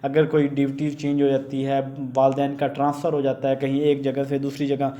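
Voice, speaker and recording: A man's voice: medium pitch, monotone, a little fast, mellow. A man teaching a theory lesson, mixing in English terms and often checking "theek hai na" with the listener. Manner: mixes English terms and read English lines into speech. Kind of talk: lecture explaining theory.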